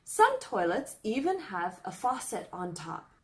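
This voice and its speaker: A woman's voice: mid-range voice, wildly swooping pitch, unhurried. A young woman from Canada narrating a scripted travel vlog, reading out a countdown list in an upbeat, explanatory way. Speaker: travel vlogger.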